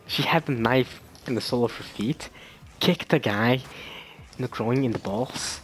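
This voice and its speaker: A young man rambles casually through a vlog at an ordinary mid pitch. He talks in loose, restarting sentences full of fillers and often laughs. A faint hiss of noise sits under his voice. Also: moderate pace, a bit bright. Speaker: vlogger. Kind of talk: casual chat.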